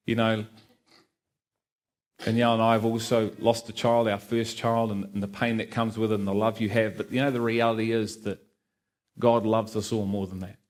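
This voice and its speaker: Earnest middle-aged Liverpudlian man. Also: fairly low pitch. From Liverpool, England. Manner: earnest, heartfelt, with light asides to the congregation. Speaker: guest speaker giving testimony. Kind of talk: church testimony.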